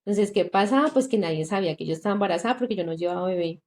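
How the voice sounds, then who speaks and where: A woman's voice: medium pitch, very fast, a little mellow. A young woman, earnestly recounting a painful personal testimony on a podcast, acting out the voices of people she met. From Colombia. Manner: earnest, recounting with quoted dialogue and many fillers. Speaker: guest sharing testimony.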